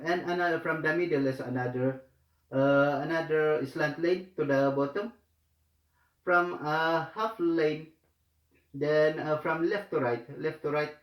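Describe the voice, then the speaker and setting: Man, tutor, slow step-by-step lesson, halting with fillers, echoey room. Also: fairly high pitch. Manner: halting, many fillers and repeated phrases. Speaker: Korean language tutor.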